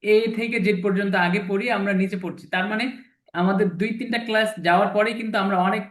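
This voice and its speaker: A man leads an alphabet pronunciation lesson. His voice sits high, and he repeats each sound patiently. The room around him echoes. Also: steady tone, fast, fairly bright tone. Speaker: English teacher.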